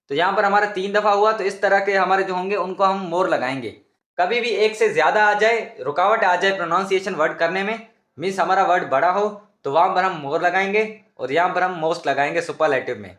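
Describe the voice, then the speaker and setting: A man's voice: sits high, a little fast, fairly bright tone, echoey room. A man teaching English grammar in a patient, repetitive lesson, often calling his viewers students. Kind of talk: explanatory classroom lesson.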